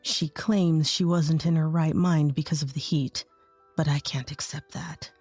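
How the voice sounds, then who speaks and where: A woman voicing a remorseful young husband who speaks softly and apologetically. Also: deep voice, fairly even intonation, unhurried, husky, no room sound, soft background music, voice pushed down, full character voice. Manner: apologetic, soft-spoken.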